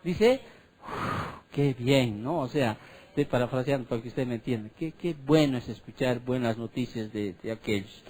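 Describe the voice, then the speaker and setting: A male pastor preaching a sermon, reading scripture slowly and loudly, then paraphrasing in quick, quiet asides full of tag questions to the congregation. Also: mid-range voice. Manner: keeps checking in with the congregation with short tag questions. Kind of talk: sermon, Bible exposition.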